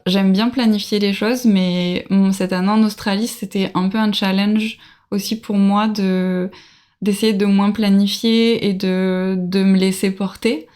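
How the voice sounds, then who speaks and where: A woman in her late thirties from France, guesting on a podcast. She tells her story in a loose, unhurried way, with hesitations and little laughs along the way. Her pitch sits in an ordinary middle range. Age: 30s. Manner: relaxed storytelling with many fillers and laughs. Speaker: guest, traveler. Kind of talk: casual podcast interview.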